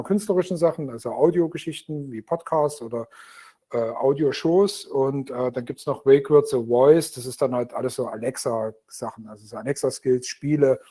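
Guy from dresden, warm low-key voice, rambling with lots of ums, video call from home. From Dresden, Germany. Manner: relaxed, rambling with many fillers. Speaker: guest speaker. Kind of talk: casual talk over video call. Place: home in Berlin.

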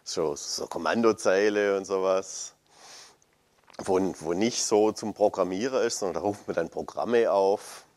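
A man's voice: low voice, measured pace, darkish tone. A man in his fifties in a casual, rambling chat about old computers, hesitant and full of fillers.

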